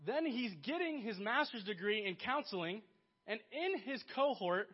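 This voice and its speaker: A man delivers a sermon in a high, bright-edged voice. He speaks earnestly, swelling to emphatic peaks and then sinking soft. The recording sounds dull and lo-fi. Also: expressive, normal speed, husky. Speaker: pastor.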